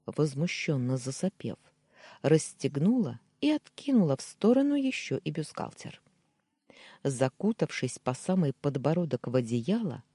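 An audiobook narrator reading first-person prose in a husky, mellow manner. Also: mid-range voice, no echo.

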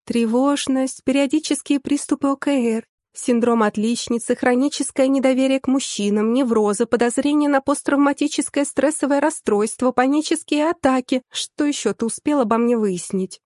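A woman reader acting out a quick-tempered young woman who answers with sharp, mocking indignation. Her voice has a mellow, even core at middle pitch. It is an audiobook character voice recorded close and dry. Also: dry recording, natural voice. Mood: shrill. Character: fiery, sarcastic young woman, quick to flare.

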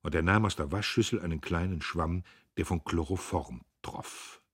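A man reading a novel aloud as narrator, in a measured, dramatic way. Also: deep voice, husky. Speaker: audiobook narrator.

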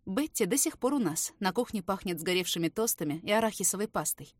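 A woman narrating a novel in the first person, steady and even. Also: medium pitch, fast talker, no echo, clean studio sound. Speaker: audiobook reader.

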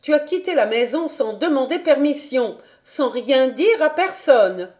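A woman reading an audiobook voices a stern, indignant governess who scolds a child and raises her voice to shouts. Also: sits high, lively intonation, measured pace, voice pushed up. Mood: solemn scolding.

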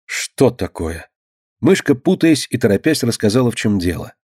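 A man's voice: medium pitch, sing-song, fast talker, a little mellow, breathy edge, no room sound, clean studio sound. A man narrating a children's story expressively as an audiobook reader. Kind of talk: scripted narration.

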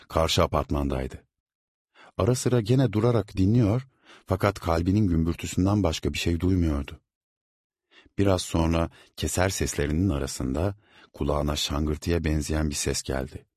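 A man narrating an audiobook in a measured, steady reading. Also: a bass voice, slightly rough, dry recording, studio quality. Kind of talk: scripted narration.

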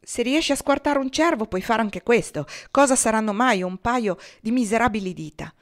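A woman voicing a fierce, foul-mouthed woman who leads a rough band, scolding and bossy. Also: a little high, animated, moderate pace, voice pushed up, close to an everyday voice.

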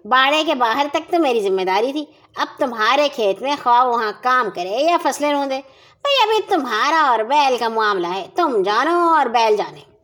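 A woman's voice: high-pitched, expressive, fairly bright tone. A woman voicing a smug, shameless male neighbor in a children's story, talking sweetly and brazenly.

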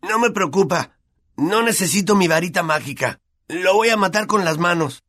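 A man's voice: high voice, animated, normal speed, fairly bright tone, pitched above the performer's own voice. A man doing a furious, hot-headed teen boy. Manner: angry and protesting.

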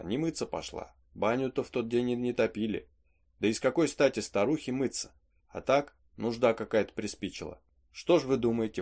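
A man's voice: mid-range voice, darkish tone, lightly acted. A man reading aloud as a superstitious peasant servant, spinning a folksy tale full of asides. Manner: chatty folksy storytelling with asides. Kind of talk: audiobook reading of a play.

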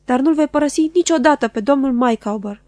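A woman's voice: fairly high pitch, warm tone, no room sound, natural voice. A woman voicing an emotional, melodramatic middle-aged wife who declaims her loyalty insistently in an audiobook. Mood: tearful, dramatic. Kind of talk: audiobook character voice.

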